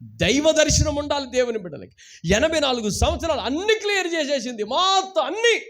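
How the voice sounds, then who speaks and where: A man's voice: extremely high pitch, sing-song, brisk, fairly bright tone. A male pastor preaching a sermon in a church service that is streamed live. He fires rhetorical questions at the congregation and calls on them to say hallelujah.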